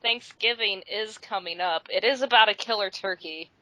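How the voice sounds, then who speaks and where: A woman co-hosting an interview, telling animated stories and swearing freely. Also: mid-range voice, moderate pace, no room sound, rough recording. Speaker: co-host. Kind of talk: casual interview chat.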